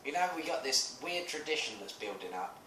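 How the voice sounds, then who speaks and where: A British man in his thirties talks through a casual podcast chat, animated and swearing freely. His voice sits at an everyday middle pitch. It is picked up from a distance in an echoey room with a faint hiss underneath. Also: a little fast. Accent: British English. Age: 30s. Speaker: podcast co-host.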